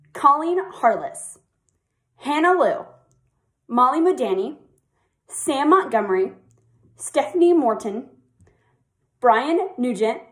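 Earnest high teen girl. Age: teens. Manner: earnest, upbeat, emotional. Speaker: yearbook staffer. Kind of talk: casual video address and read speech.

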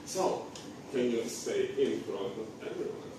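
A man works as a kids party magician, talking slowly in short, simple phrases and prompting children to repeat after him. His pitch moves up and down a lot. He is recorded far from the mic in a very echoey room. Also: animated, noisy background. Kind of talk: kids' magic show patter, asking the children questions. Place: indoor kindergarten classroom with children seated around. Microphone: distant camera across the room.

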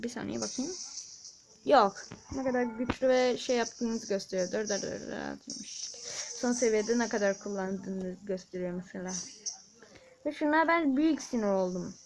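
A woman giving casual gameplay commentary as a channel host, excitable, with frustrated outbursts and shouted sound effects. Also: fairly high pitch, moderate pace, a little hiss or hum.

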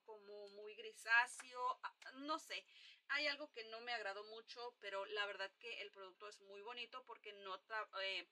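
A woman's voice: fairly high pitch, bright, forceful tone. A young woman, chatting casually through a makeup review with lots of hesitant fillers. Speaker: makeup vlogger. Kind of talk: casual product review chat.

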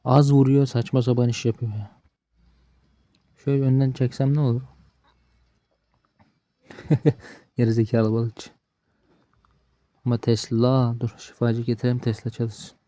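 A man mutters and grumbles as he plays, cursing bad luck in a casual running commentary. His voice is very dark and mellow, recorded dry and close with no room sound. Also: medium pitch, flat delivery, measured pace, pauses often, no echo. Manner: frustrated, swearing at the game, talking to himself. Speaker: gaming streamer.

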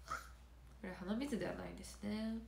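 An idol trainee with a stuffy nose chats casually on a livestream, answering comments in a nasal, giggly way. Her mid-range voice is steady and slightly creaky at a normal speed, drifting between soft murmurs and brighter bursts. The room echoes, and there is slight background noise.

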